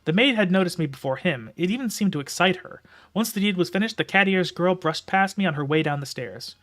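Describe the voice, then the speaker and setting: A man's voice: high voice, animated, brisk, fairly bright tone. A man streaming live, reading a novel aloud and commenting casually in a rambling way with filler words.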